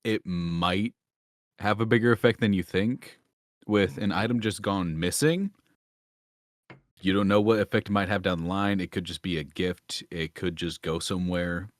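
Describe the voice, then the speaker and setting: A man's voice: sits low, normal speed, dry recording, studio quality. A man narrating as game master of a tabletop role-playing game, rambling and restarting as he thinks aloud.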